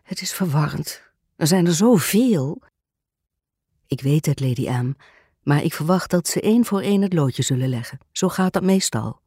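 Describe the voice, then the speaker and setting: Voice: mid-range voice, expressive, moderate pace, breathy edge, no echo, studio quality. A storyteller voicing a wry man whispering asides to a companion. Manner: hushed, wry.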